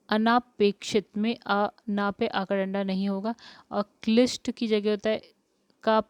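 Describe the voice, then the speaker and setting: A woman's voice: mid-range voice, a little mellow, smooth, no echo. A woman teacher working through spelling questions step by step, asking each question and then answering it. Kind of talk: spelling lesson for exam prep.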